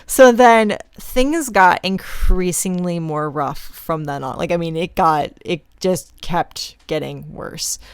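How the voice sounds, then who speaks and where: A young woman recounting her own story on her podcast in a casual, chatty manner, full of "like"s. Her voice is low-set and smooth. The sound is close and dry, with no room behind it. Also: takes it slowly, few pauses, no echo. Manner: casual and chatty, many fillers like "like". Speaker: podcast host. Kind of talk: personal storytelling.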